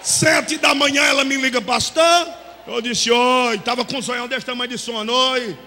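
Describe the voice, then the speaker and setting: A man preaching as a Pentecostal pastor, shouting and acting out the voices in his story, breaking into tongues. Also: extremely high pitch, fairly even intonation, moderate pace, a little hiss or hum. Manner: shouting, dramatic, acts out dialogue, speaks in tongues. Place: church hall. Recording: church hall with long reverb.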